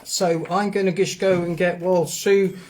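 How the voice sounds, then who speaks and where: A man's voice: high voice, little pitch movement, moderate pace, a little mellow, a little hiss or hum. Chatty Geordie man explaining. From England. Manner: rambling, casual, explains step by step. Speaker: host. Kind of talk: live stream demo and chat.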